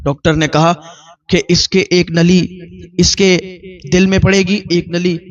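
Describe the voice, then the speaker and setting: High-voiced man preaching a story sermon. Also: little pitch movement. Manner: repetitive, listing cadence. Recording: dull lo-fi recording.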